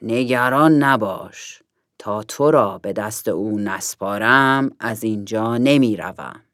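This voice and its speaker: A woman voicing a large, kind golden eagle in a storybook, speaking low, slow and reassuring. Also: a bit bright, dry recording, clean studio sound. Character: big kind protective golden eagle, calm.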